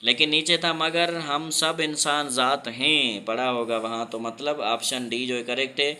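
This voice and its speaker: A man teaching an English reading lesson, reading English lines slowly and then explaining them in Hindi-Urdu. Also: mid-range voice, steady tone, bright, forceful tone.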